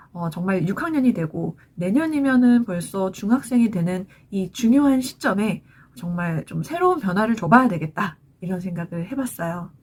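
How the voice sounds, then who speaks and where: A woman in her forties, a parent vlogger giving chatty advice to other parents in a scripted talk to camera. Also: on the high side.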